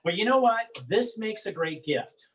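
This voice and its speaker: A man's voice: sits high, lively intonation, moderate pace, fairly bright tone, low-quality recording. A man talking as a wine book author, enthusiastic and prone to repeating words as he starts sentences. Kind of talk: promotional chat.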